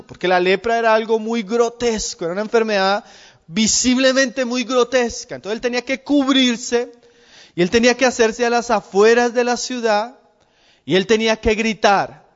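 High-voiced preacher in a reverberant hall. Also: male voice. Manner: earnest preaching with slow, drawn-out emphasis on quoted verses; addresses listeners as brothers. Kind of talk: sermon. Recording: dull reverberant hall sound.

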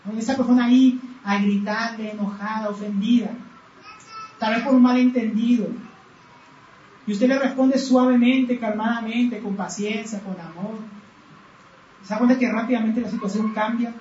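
Earnest male preacher, rhetorical questions, slow measured scripture reading; roomy, lo-fi recording with faint background noise. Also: extremely high pitch, fairly even intonation, darkish tone. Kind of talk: sermon. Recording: roomy, distant, dull sound with faint background.

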